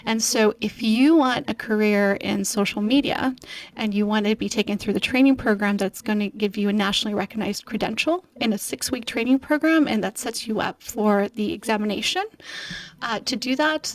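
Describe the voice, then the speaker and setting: A woman's voice: medium pitch, a little fast, poor audio. A woman from Portugal, a nonprofit program coordinator, explaining at length and earnestly in a radio interview, with many fillers.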